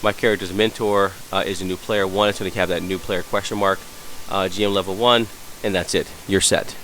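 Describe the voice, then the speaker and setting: Low-voiced hungover man, hesitant tutorial. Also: steady tone, brisk, fairly bright tone, a little hiss or hum, rough recording. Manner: hesitant, apologetic, searching as he goes. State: hungover and sick. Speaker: tutorial presenter. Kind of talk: unscripted screen-recorded software tutorial.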